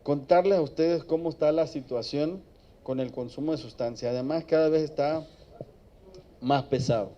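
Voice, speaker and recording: A man's voice: on the high side, normal speed, dark tone. A man, a psychologist giving a prevention talk to students in a chatty storytelling way. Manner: conversational storytelling, checks in with "¿sí?". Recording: dull lo-fi recording.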